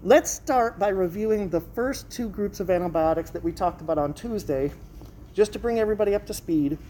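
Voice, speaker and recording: A woman's voice: mid-range voice, expressive, fairly quick, warm tone. A woman lecturer explaining material to a class and checking understanding with questions, her voice muffled by a face mask. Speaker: college lecturer. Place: classroom in front of students. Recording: noisy live classroom recording.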